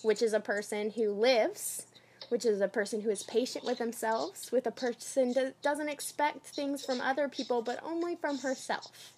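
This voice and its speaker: A woman acting as a life coach, guiding a client through a coaching exercise with encouraging, gently directive prompts. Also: a little high, fairly even intonation, normal speed, a little hiss or hum. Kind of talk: guided coaching session.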